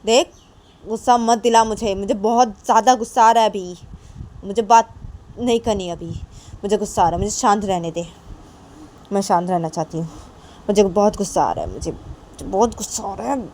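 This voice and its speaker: Brief: a woman playing a hot-headed young woman, shrill, loud and near tears, in a spoken love story. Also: expressive, fairly quick, gravelly, slight background noise. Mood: furious. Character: young woman Nisha, hot-tempered and furious.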